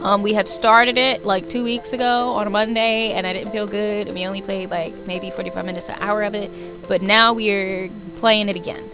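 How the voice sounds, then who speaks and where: A game streamer reads a visual novel aloud during her livestream, keeping the chat informal and playful as background music plays. Her medium-pitched voice has fairly even intonation and a moderate pace.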